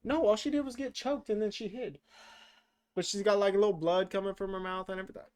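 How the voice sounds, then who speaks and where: A man's voice: high-pitched, steady tone, fast talker, darkish tone. A man co-hosting a podcast, recapping a movie in loose, jokey, profane chat full of "uh" and "like". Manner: rambling, filler-heavy, profane, jokey. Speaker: podcast co-host.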